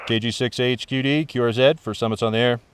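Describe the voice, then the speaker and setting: Speaking fast in a mid-range voice with a steady tone, a man operates amateur radio outdoors from a rocky summit. He spells call signs phonetically and repeats letters and numbers so they come through clearly. Background noise can be heard.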